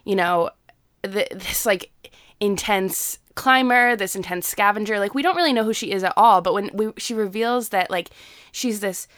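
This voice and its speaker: A woman's voice: medium pitch, normal speed, fairly bright tone, no echo, clean studio sound. A young woman co-hosting a podcast, talking enthusiastically and gushing, with many fillers. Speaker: podcast co-host. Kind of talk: casual fan discussion.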